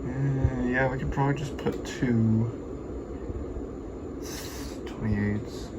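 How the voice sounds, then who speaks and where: Speaking slowly at a medium pitch with fairly even intonation, a man talks to himself through a radio repair. He's a hobbyist recording his work on a noisy home video, and his commentary is casual, sweary, and muttered.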